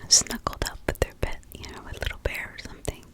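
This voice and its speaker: Speaking in a hushed whisper close to the microphone, this adult woman and parent narrates a crime tale for true crime ASMR. Her voice is gentle and emotional, and she keeps stopping, pausing and starting over.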